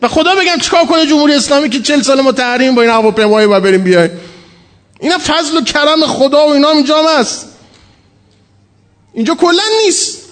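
A man preaching a sermon from a pulpit, telling stories with humor and acting out quoted dialogue. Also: extremely high pitch. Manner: animated, humorous storytelling, acts out quoted dialogue. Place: mosque or religious hall at a pulpit.

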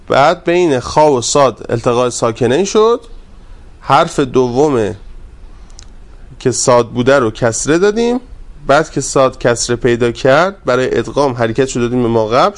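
A man teaching a grammar class, drawing out word forms slowly and asking his students questions. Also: medium pitch. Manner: drawn-out repetition of word forms, quizzing students; polite and deferential to the class leader.

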